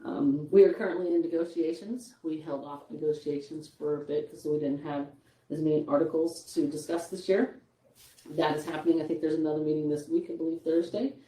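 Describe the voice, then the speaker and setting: A woman's voice: low-pitched, fairly even intonation, a little fast, warm tone, recorded from a distance. A tired woman giving the teachers' union report at a school board meeting, chatty, with small laughs and restarts. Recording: echoey room, voice from off-mic.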